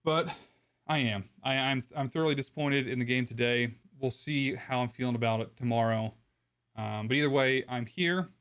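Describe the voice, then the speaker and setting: A man who makes gaming videos, ranting to his viewers in a frustrated, rambling way with many restarts, his voice going hoarse. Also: mid-range voice, normal speed, a bit bright. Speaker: gaming content creator. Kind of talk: opinion rant to camera.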